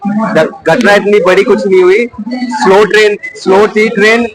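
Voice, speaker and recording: A man's voice: high voice, steady tone, normal speed, a crowd in the background, poor audio. A man speaking off the cuff as a passenger in an eyewitness interview, repeating phrases as he recounts. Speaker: train passenger being interviewed.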